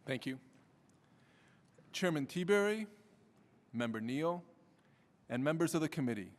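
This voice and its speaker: A man in his fifties reading prepared testimony at a hearing in a measured way. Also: fairly high pitch, animated. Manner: measured, reading prepared remarks with bursts of speed. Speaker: tax lawyer testifying as witness. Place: large hearing room. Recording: long reverb of a hearing room.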